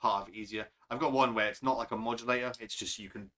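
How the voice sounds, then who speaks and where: Bright-toned male game master in a loose, rambling chat, quick to laugh at himself. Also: fairly low pitch, fairly even intonation. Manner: rambling, self-deprecating, laughs often. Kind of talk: casual podcast chat.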